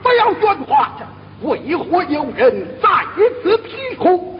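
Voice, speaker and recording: A man playing a hapless comic servant in traditional opera stage comedy, declaiming in stylized, shouted stage speech. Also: very high voice, very animated, slow, long reverb tail, exaggerated voice. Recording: lo-fi live stage recording, audience noise.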